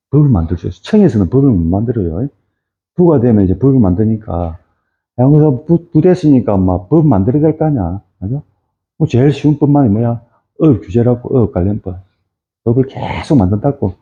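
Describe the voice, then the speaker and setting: A middle-aged man giving an informal lecture on fisheries, rambling with many fillers and tag questions. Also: mid-range voice. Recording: tinny phone-like audio.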